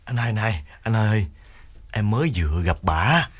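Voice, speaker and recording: A man's voice: fairly low pitch, lively intonation, moderate pace, slightly rough. A male narrator voicing a frightened young man who begs his older brother in a shaky, half-whispered voice. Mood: frightened, pleading. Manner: trembling, pleading, half-whispered.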